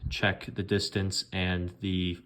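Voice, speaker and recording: A young man with a fairly low voice giving a loose show-and-tell of a homemade gadget. He talks informally, drifts through fillers and lets sentences trail off. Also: completely flat delivery, takes it slowly, fairly bright tone. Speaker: hobbyist demonstrating an electronics project.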